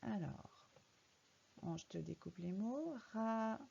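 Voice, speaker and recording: A woman's voice: medium pitch, animated, normal speed, vocal fry, dark tone, husky, dull audio. A woman teaching a young child to read in a recorded lesson, patiently spelling words out letter by letter. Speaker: primary school teacher.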